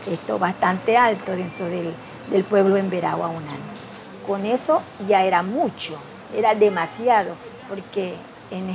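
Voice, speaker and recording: A woman reflects aloud in a hesitant, conversational way, leaning on fillers and tag questions. Her voice sits at an ordinary pitch, with faint noise in the background. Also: gravelly. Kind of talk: casual interview reflection.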